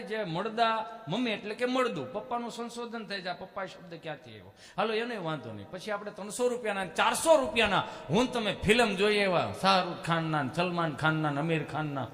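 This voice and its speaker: Kathiyawadi male stage comic, high ringing voice, animated delivery with loud calls, live hall reverb. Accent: Kathiyawadi Gujarati. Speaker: stage comedian. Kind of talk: live folk humor storytelling.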